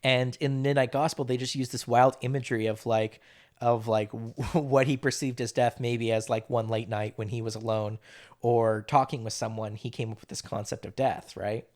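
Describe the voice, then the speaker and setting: A podcast host chats casually, rambling in an animated way and laughing often. His voice sits at an ordinary middle pitch for a man, and he talks at a normal speed.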